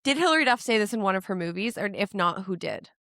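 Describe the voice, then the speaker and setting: A woman in her thirties co-hosting a podcast, excitable and swearing, often restarting as she tries to remember. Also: medium pitch, fast talker, no echo, studio quality. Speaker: podcast co-host. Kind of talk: casual chat.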